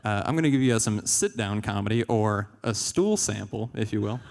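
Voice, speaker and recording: A young man performs a deadpan stand-up set into a stage mic, his voice smooth and clear. His delivery is dry, and he chuckles at his own jokes. The sound carries a long hall reverb. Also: lowish voice, fairly quick. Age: young adult. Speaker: stand-up comedian.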